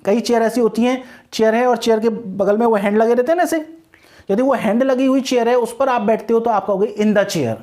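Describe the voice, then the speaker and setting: A man's voice: very high voice, fairly even intonation, darkish tone. Male English teacher. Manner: asks questions and answers them himself; slows down sharply on English example phrases. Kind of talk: grammar lesson.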